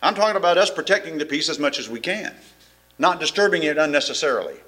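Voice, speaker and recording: Pastor, middle-aged man, folksy and rambling, bright animated voice, fairly high. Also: fast talker. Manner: folksy, rambling with frequent restarts and chuckles. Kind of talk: sermon.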